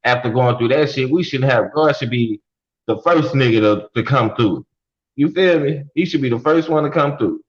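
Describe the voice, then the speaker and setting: A man's voice: medium pitch, normal speed. Blunt young man questioning, lo-fi mic. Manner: blunt, questioning, slangy street talk. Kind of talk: casual debate over mics.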